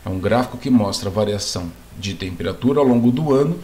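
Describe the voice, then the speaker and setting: In this video lesson, a man with a fairly low, warm voice teaches geography quickly and with animation. He explains step by step, checks in with the class, and poses questions that he then answers himself.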